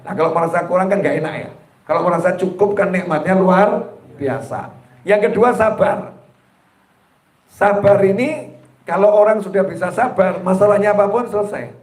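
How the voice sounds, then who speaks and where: A man preaching to a live crowd in a roomy, echoing hall. His voice sits a little high for a man, and he keeps it light and jokey, speaking right at his listeners. He often splits a word across a pause before finishing it. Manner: jokey, addresses the audience directly, acts out quoted people; breaks words across pauses, then finishes them. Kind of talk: humorous religious sermon to a live audience. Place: gathering hall with a live audience.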